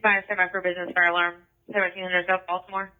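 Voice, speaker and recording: Fire dispatcher, police scanner radio, tinny narrow band, clipped monotone, quick. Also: medium pitch. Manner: clipped, monotone reading of addresses.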